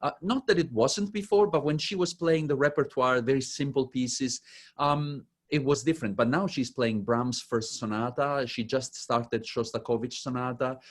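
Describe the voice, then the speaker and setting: A middle-aged man from Italy, a pianist and professor, chatting as a guest and telling family stories, acting out quoted lines in a lifted voice. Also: normal speed. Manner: warm storytelling, acts out quoted lines in a higher voice. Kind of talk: casual interview chat.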